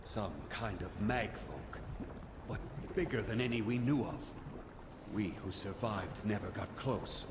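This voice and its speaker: An actor playing a grave, aggrieved old ghost in a video game, with a tired old voice and a solemn, reproachful manner. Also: male voice, fairly low pitch, unhurried. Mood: weary, grieving. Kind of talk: dramatic video game acting. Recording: echoing cavernous reverb, clear background noise.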